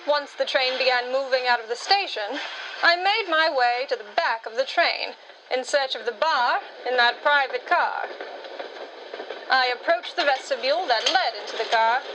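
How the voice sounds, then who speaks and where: A woman's voice: high voice, moderate pace, dull audio, background noise. A woman narrating and acting her own part in a radio drama, witty and self-assured. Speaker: storyteller.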